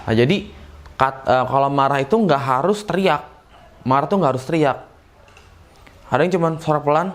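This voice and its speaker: A man talks through an acting lesson in a loose, conversational way. His voice sits at an ordinary middle pitch. A faint hiss of noise runs under his voice. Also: normal speed, pauses often. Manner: relaxed and chatty, acts out short emotional examples. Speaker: acting teacher. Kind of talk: casual classroom-style lesson.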